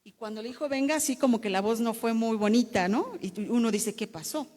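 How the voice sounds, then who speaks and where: A fairly high-voiced woman tells her testimony to a church congregation. She speaks emotionally, repeating and restarting words as she goes. Her voice carries a long reverb, like a church hall. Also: a little fast, a little mellow. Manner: emotional storytelling with repetitions and restarts. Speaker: pastor's wife giving testimony.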